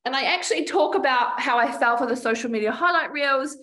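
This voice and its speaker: This woman's high, fairly bright voice moves a little fast as she talks frankly and chattily, often restarting. A forties-aged business coach with a New Zealand accent, she's a podcast guest on a video call webcam from a room at home with a door and a painting.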